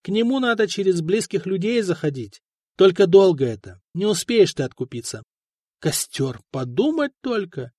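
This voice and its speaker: A sly court notary oozes false sympathy and wheedling sarcasm, voiced by a male narrator. His voice sits a bit above normal and stays smooth and unhurried. The sound is dry and close. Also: high-pitched, very animated, a little mellow, no room sound, pitched above the performer's own voice.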